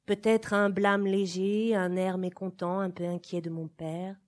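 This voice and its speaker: A woman giving a measured, expressive literary reading of a novel, swelling on some phrases and dropping to a hush on others. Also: medium pitch. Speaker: reader of a novel.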